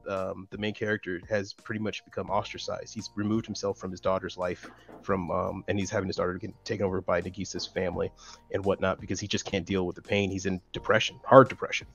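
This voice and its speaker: A man's voice: deep voice, little pitch movement, fast talker, creaky, fairly bright tone, dull audio. A young man co-hosting a casual podcast, retelling a sad anime plot with lots of restarts and feeling. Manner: emotional storytelling with many restarts. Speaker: podcast co-host. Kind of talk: casual chat.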